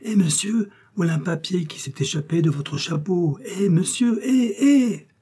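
A man voicing an eager young stable boy in a storybook reading, calling out loudly. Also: high-pitched, animated, unhurried, husky, voice pushed up, full character voice. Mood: shouting. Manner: shouting after someone.

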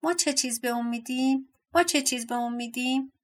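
A woman's voice: fairly high pitch, expressive, natural voice. A woman voicing a pair of greedy, ugly little male dwarfs in a storybook reading, clamoring and repeating their demands. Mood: gleeful shouting.

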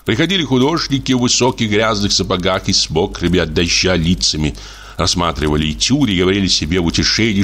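A man reading a classic short story aloud in a measured, expressive audiobook narration. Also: fairly low pitch. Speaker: audiobook reader.

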